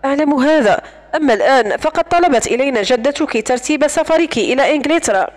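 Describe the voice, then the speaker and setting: A woman's voice: high voice, animated, fast talker. A woman voicing a composed man handling family affairs, serious and businesslike. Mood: earnest.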